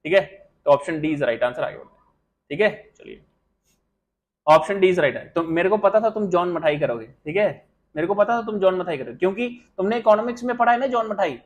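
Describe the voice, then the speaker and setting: High-voiced man running a live quiz class. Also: expressive, low-quality recording. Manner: rapid quiz-master patter, praising viewers by name; scolding, teasing tone with students. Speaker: exam coaching teacher. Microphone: live stream mic with audio glitches.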